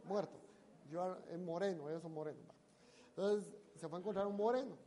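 Mellow-voiced preacher. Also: medium pitch, fairly quick. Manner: dramatic storyteller, swings between loud emphasis and hushed asides. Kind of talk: storytelling sermon.

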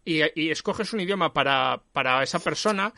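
A man, talking in an emphatic, animated way in a casual film discussion. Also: on the high side, fairly quick, no room sound, studio quality.

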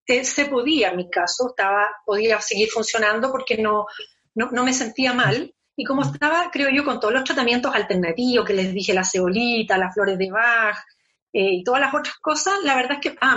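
A woman's voice: fairly high pitch, pushed and bright. A woman journalist speaking fluently and upbeat about her treatment in an interview. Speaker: journalist guest. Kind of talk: personal interview. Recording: dull lo-fi sound.

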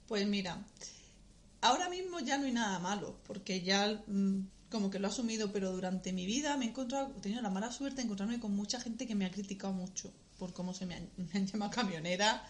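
A woman's voice: mid-range voice, fast. A woman guest in a casual chat, talking frankly, swearing freely and laughing often.

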